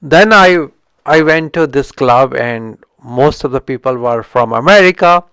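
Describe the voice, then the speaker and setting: Reviewing a book for his channel, this middle-aged host from India sounds animated and a bit bright, his medium-pitched voice clear and resonant with no echo. English is not his first language, and his unscripted talk is halting, full of restarts and self-corrections.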